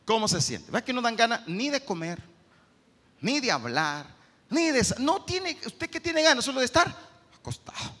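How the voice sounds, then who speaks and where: A man preaching a sermon, swinging between loud urgent bursts and low quiet stretches. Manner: preaching with sharp swings in pitch and loudness. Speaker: pastor. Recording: long hall reverb.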